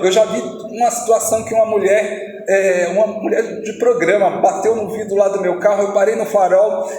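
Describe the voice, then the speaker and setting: High-voiced preacher man in echoey hall. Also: darkish tone. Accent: Brazilian Portuguese. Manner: storytelling, acting out dialogue. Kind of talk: testimony sermon. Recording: echoey hall, faint noise.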